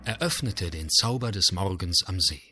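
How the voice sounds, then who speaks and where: A man narrating a storybook tale in an expressive, animated reading. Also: deep voice, normal speed, noisy background. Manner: lively, animated reading with acted voices.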